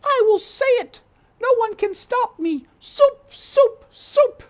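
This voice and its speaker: A woman voicing a ferocious, stout female castle cook who shouts and wails in a coarse, broad way. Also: very high-pitched, animated, slow pace, pitched above the performer's own voice, exaggerated voice. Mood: defiant.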